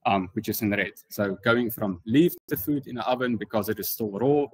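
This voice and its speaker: Speaking with a South African accent, a man gives a casual, informal technical tutorial with slides as a conference speaker. His voice is husky and on the low side, at an ordinary pace.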